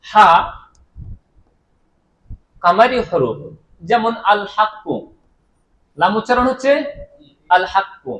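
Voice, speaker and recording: A male teacher with a high voice lectures in a room with lots of echo. He drills the class by asking a question and then giving the answer himself. He stretches out each example word so the students can follow. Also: expressive, a bit bright. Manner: repeats key terms and quizzes the class with questions he then answers; drawn-out, deliberate pronunciation of example words. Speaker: Arabic grammar teacher. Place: madrasah classroom. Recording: echoey room.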